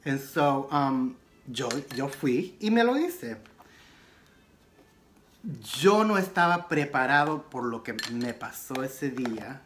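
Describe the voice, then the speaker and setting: A man telling a personal story in a casual makeup vlog, animated and mixing in English phrases. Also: slow, soft background music. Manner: animated retelling with sudden pitch jumps. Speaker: beauty vlogger.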